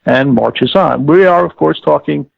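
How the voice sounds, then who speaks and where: A former audio producer-director, now an older man, looks back on his work in an interview and walks through how a process went. His husky, very creaky voice sits on the high side and comes through a narrow, phone-like connection with room echo. He chooses his formal words carefully and stops now and then to correct himself.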